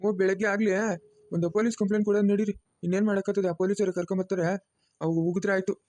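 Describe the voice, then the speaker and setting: A man's voice: high voice, little pitch movement, rapid-fire, darkish tone. A man with a rural Chikkaballapur Kannada accent, playing a blunt villager who keeps scolding. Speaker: son-in-law in a family drama. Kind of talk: village web-series acting.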